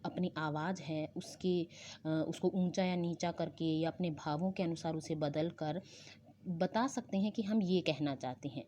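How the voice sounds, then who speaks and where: A woman's voice: fairly low pitch, mellow. A woman teaching a school language lesson in an online class, explaining patiently and often checking in with her pupils. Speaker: Hindi teacher. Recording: dull lo-fi recording with faint noise.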